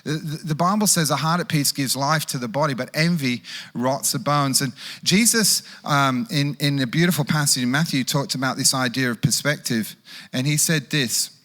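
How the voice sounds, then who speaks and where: A man's voice: mid-range voice, normal speed. Conversational male pastor preaching. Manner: conversational preaching with animated quoted voices. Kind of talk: sermon.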